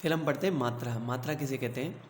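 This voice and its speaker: Schoolteacher, male, mid pitch, patient and methodical. Poses questions and answers them himself. Roomy sound. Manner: explains slowly, asks the class questions and answers them himself. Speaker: teacher. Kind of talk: grammar lesson for schoolchildren. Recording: echoey room with faint hum.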